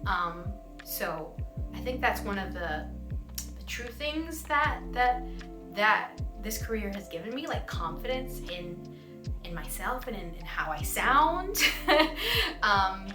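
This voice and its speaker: In this laid-back vlog Q&A, a young woman who works as a voice actor chats with fans, giggling and poking fun at herself in a bubbly way. She speaks in a mid-range, sing-song voice and takes it slowly, against a roomy echo and background music.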